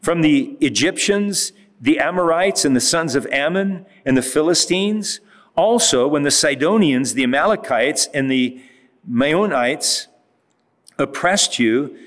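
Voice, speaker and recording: A man's voice: a little high, lively intonation, measured pace, fairly bright tone. Man preaching in a reverberant church. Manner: conversational Bible teaching with emphatic rises. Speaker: pastor. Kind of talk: sermon.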